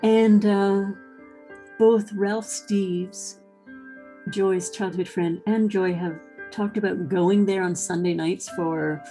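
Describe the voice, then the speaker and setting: A woman's voice: medium pitch, fairly even intonation, slow, warm tone, soft background music. A woman who runs a historic house, interviewed, speaking hesitantly with many restarts. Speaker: executive director of a historic house. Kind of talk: interview recollection.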